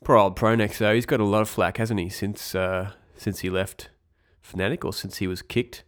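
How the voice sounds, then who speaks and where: A young man with a cold hosts a casual esports news podcast, sounding congested as he rambles and corrects himself with wry asides. His voice is fairly low in pitch, steady in tone, at a normal speed.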